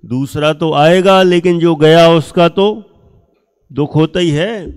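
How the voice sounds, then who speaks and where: A man teaching a class of students, speaking slowly with emphasis, asking them questions and acting out things people say. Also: on the high side, darkish tone, clean tone. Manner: acts out quoted speech of others.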